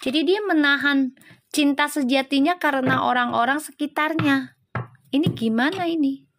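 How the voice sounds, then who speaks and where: A woman's voice: high voice, moderate pace, noisy background. A woman tarot reader, hosting a live stream in a casual, chatty way, teasing viewers and greeting them by name.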